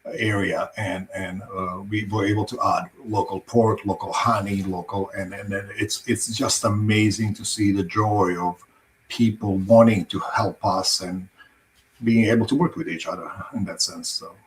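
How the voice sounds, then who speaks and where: Man, croatian accent, fairly low pitch, earnest storytelling, farm owner, podcast guest. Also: level tone, normal speed, slight background noise, low-quality recording.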